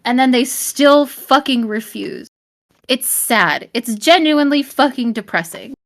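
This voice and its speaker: A young adult woman live-streaming, talking straight to her chat in a blunt, profane, rambling rant, at times shouting and often apologizing. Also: high-pitched, animated, a little slow. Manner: profane, blunt, swears constantly. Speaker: livestreamer.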